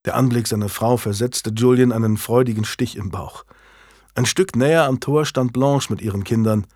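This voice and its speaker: Male narrator, audiobook, measured, steady, mid pitch, dry close sound. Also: no echo. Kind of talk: scripted narration of a historical novel.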